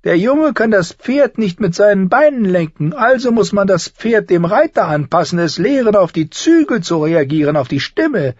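A man voicing a sardonic, sharp-tongued small nobleman who needles the people around him. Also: high voice, big pitch swings, moderate pace, hardly any pauses, breathy edge, dry recording, voice pushed up, exaggerated voice. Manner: mocking, cool and needling. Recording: slightly dull audio.

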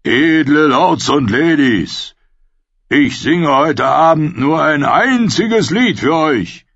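A man voicing a broad-chested minstrel with a booming voice, declaiming and half-singing slowly. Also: animated, gravelly, a bit bright, no room sound, dull audio, heavily acted. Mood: grandiose. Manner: slow, declaiming chant-singing.

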